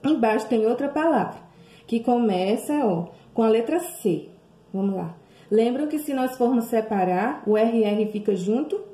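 A Brazilian woman teaching young children, drawing words out slowly and sing-song, with many questions to the class. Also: fairly high pitch, animated, dark tone. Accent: Brazilian Portuguese. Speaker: primary school teacher. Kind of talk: remote lesson for young children. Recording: echoey room.

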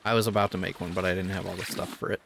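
A man's voice: low-pitched, little pitch movement, racing, gravelly. A man hosting a casual gaming stream, joking with friends and greeting chat viewers. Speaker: streamer host. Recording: noisy stream mix.

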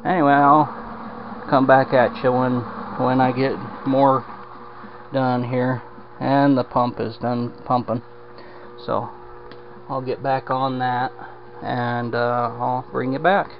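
Over music, a man with a medium-pitched voice talks slowly and flatly while he films a home repair walkthrough on a handheld camera in a damp basement. His manner is a drawling, rambling one, packed with fillers. The camera captures it as dull, lo-fi audio.

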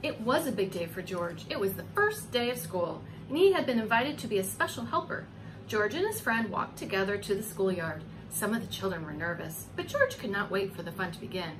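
Reading a story to little children, this preschool teacher in her forties is very expressive, drawing out words and asking coaxing questions as asides. She speaks a little fast in an animated, mid-range voice. The home recording is noticeably noisy.

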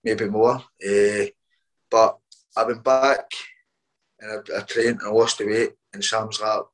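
A man's voice: on the low side, steady tone, poor audio. Boxer telling his story. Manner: halting, repeats words, quotes others as he tells it. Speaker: boxer being interviewed. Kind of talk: casual interview storytelling.

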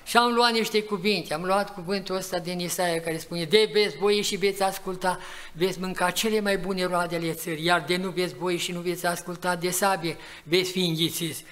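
A man in his eighties preaching a farewell sermon in a church, telling stories of his faith and rising to loud exhortation, sweating as he speaks. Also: sits high, fairly even intonation. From Romania. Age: 80s. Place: church hall. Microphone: live church recording.

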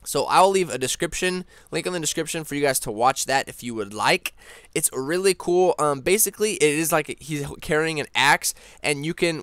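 A young man hosting a casual gaming news vlog, rambling excitedly with lots of fillers and restarts. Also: a little high, no echo. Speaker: gaming channel host.

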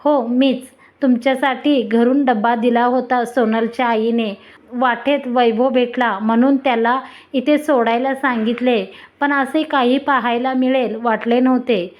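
A stern, disappointed father speaking in an audio storybook. A woman narrator reads him in her own voice, which sits a little high. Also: steady tone, a little slow, close to an everyday voice. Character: disappointed older father figure.

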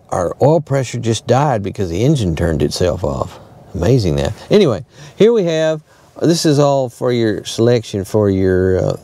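Gravelly low-voiced man touring a truck. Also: warm tone. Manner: rambling, self-correcting, lots of fillers. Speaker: car reviewer. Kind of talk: casual walkthrough of a vehicle interior. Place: inside a pickup truck cab.

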